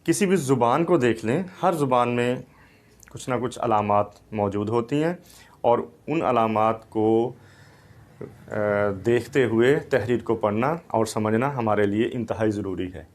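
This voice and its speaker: A man lectures in an unhurried, measured way. His pitch sits in an ordinary middle range for a man. He lays out each point with care, like a teacher at a board. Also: darkish tone. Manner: slow, deliberate explaining with anecdotes. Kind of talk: recorded lecture.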